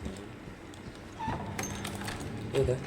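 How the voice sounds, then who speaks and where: A man's voice: slow pace, noisy background. A man with an Egyptian Arabic accent giving casual, chatty commentary on a horror game, often addressing his viewers. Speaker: gaming video host.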